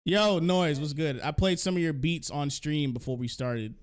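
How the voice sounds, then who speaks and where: Man, stream host, casual commentary, profane, exasperated, smooth clear voice. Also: on the high side, normal speed.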